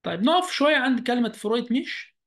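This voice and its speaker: A man with an Egyptian Arabic accent, teaching a beginner German lesson over a video call. He speaks slowly and repeats each word deliberately. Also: very high voice, lively intonation, a bit bright. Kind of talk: online language lesson.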